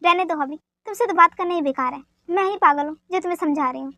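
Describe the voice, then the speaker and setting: A woman's voice: very high-pitched, fast, bright, forceful tone, no echo. A woman doing a fretful young woman. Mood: upset. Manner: pleading, emotional. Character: anxious, caring young woman, quick to anger. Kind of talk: fan dub drama reading.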